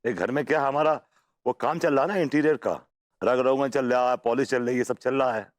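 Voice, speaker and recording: An actor in a TV sitcom playing a man who bluffs and scolds with animated talk. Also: mid-range voice, a little fast, no room sound, close to an everyday voice. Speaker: sitcom character. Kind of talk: TV sitcom acting.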